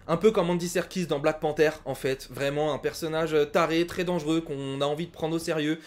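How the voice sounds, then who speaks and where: A young man giving a frank, critical film review in a casual talk, with many filler sounds. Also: on the high side.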